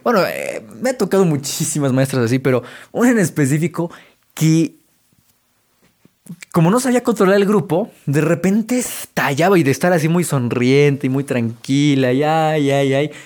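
A Mexican Spanish man delivers a motivational self-help monologue, speaking in a fairly high voice. He talks straight to the listener in a casual, direct way. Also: animated, moderate pace, a little mellow. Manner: direct, conversational, addresses listener as tú. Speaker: self-help podcast host.

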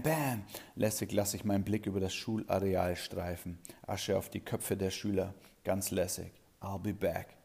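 Deadpan man, low mellow voice. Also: gravelly. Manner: dry, sardonic, deadpan. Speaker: schoolteacher. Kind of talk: reading a satirical short story.

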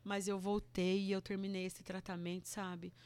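A woman's voice: mid-range voice, flat delivery, moderate pace, darkish tone, clean tone. Earnest Brazilian woman sharing a testimony. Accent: Brazilian Portuguese. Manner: earnest and emotional, with many restarts. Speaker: guest giving a testimony. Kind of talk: personal testimony in casual chat.

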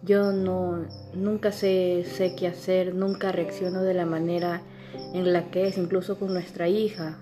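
A young adult woman and mother, chatting in an animated, quick storytelling way, with music underneath. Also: on the low side. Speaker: co-host. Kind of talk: casual chat.

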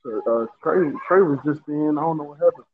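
A man's voice: a little high, moderate pace, dry recording. A man co-hosting a casual podcast chat, his voice muffled as if through a wall from a wireless headphone mic. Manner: relaxed slangy talk. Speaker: podcast co-host. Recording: muffled distant mic with faint noise.

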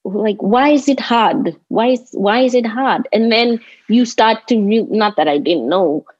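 This interview guest is a Kenyan woman, a landscape designer who grew up in Nairobi, speaking reflectively and thoughtfully with emphatic repetition. Her pitch runs on the high side and her pace is a little slow, the tone darkish and husky. Audio is lo-fi, roomy and a bit dull.

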